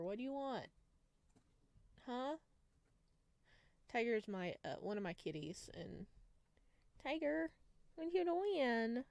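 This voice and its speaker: Her voice sits a little high, with vocal fry and a darkish tone, captured dry. A video game streamer, she reads visual novel narration aloud during a let's play and reacts to the story with casual, chatty asides.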